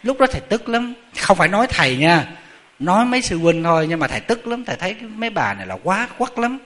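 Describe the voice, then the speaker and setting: Middle-aged Southern Vietnamese monk, bright voice, lively anecdotal sermon style. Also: male voice, high-pitched, quick pace. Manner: animated, chatty, addresses the audience often. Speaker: Buddhist monk. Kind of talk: storytelling sermon.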